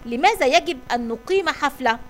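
A woman reading the lines of a thoughtful, quiet twelve-year-old girl in a storybook, soft and polite. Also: high voice, lively intonation, quick pace, soft background music. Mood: gentle.

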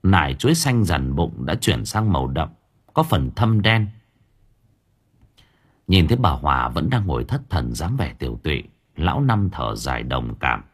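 A man narrating an audiobook story, with lively storytelling rises and falls. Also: rumbling low, normal speed, breathy edge. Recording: narration over faint background music.

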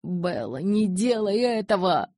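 A woman reading the lines of a hot-tempered, desperate young man in an audiobook, loud and insistent. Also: mid-range voice, sing-song, unhurried, dry recording, clean studio sound, pitched above the performer's own voice. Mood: angry. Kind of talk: audiobook character voice.

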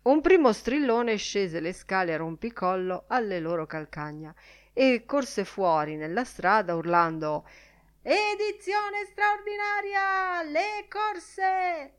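A woman reads a novel aloud in a low, dusky voice. She takes her time, leaning into long dramatic pauses and never hurrying the sentences. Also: expressive, smooth. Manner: measured, unhurried reading with dramatic pauses. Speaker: audiobook reader. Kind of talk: literary audiobook narration.

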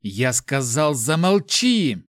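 A bitter young male hunter speaks in short, flat, cold phrases, as a man reads him. The sound is dry and close. A storybook youth pushing everyone away. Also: mid-range voice, normal speed, dry recording, natural voice. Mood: desperate. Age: young adult.

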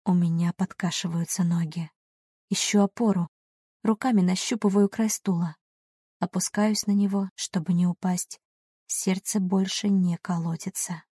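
A woman reading a first-person story aloud in a soft, emotional, measured way. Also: lowish voice, breathy edge, no echo, studio quality. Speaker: audiobook narrator. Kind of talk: first-person audiobook narration.

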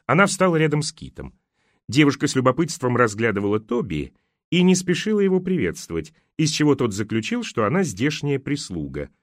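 A man reading a spy novel aloud as an audiobook narrator, with expressive, acted delivery. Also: medium pitch, a little fast, no room sound, studio quality. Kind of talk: scripted narration.

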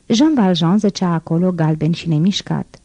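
Woman audiobook narrator, low and very mellow, dry close sound, measured delivery. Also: dry recording. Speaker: audiobook reader. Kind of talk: scripted literary narration.

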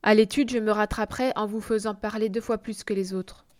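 A woman reading a storybook lends her voice to a timid old schoolmaster with a soft heart. He frets aloud, flaring into exclamations, then settles into a hushed, wistful tone. Her own mid-pitched voice stays close underneath. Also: steady tone, a little fast, close to an everyday voice. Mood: fond.

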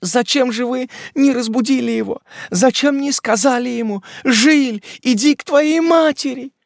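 A man's voice: extremely high pitch, unhurried, vocal fry, no echo, studio quality, voice pushed up, exaggerated voice. A man reading an audiobook and voicing a desperate, grief-stricken widowed mother in frantic, pleading cries. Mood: pleading, eager.

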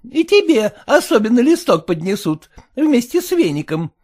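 Scolding shrilly with a raised voice, the fussy, fretful middle-aged merchant's wife is brought to life by a female reader. The performance is very animated yet mellow, at a normal pace.

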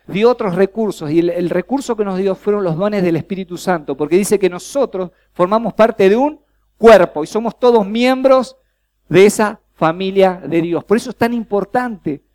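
A man with a Rioplatense Spanish accent preaching a workshop at a church youth congress, lively, quizzing the crowd and acting out little dialogues. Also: high-pitched.

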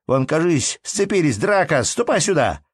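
A man's voice: fairly high pitch, very animated, normal speed, husky, no echo, pitched above the performer's own voice. A man voicing a brash, rowdy young tailor at a fair in an audiobook. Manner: brash, boisterous.

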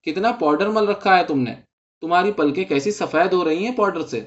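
A man voicing a loud, teasing five-year-old boy, in a dull lo-fi recording. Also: sits high, voice pushed up, natural voice. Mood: cheeky. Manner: shouting, teasing.

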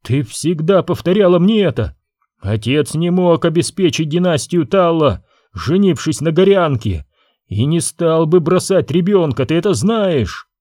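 A man voicing a proud, hot-tempered young prince who accuses and shouts in a raised voice. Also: a little high, sing-song, a little slow, no room sound, studio quality, voice pushed up. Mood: furious.

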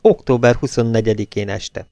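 A man's voice: medium pitch, fairly even intonation, a little mellow, no room sound, natural voice. A man voicing a blunt, tired insurance investigator who speaks curtly. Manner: curt, matter-of-fact.

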